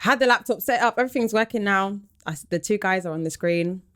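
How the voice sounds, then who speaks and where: A young woman in her twenties, a podcast guest telling stories in a casual, lively way and acting out other people's lines. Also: mid-range voice, quick pace. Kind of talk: casual storytelling chat. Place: podcast studio.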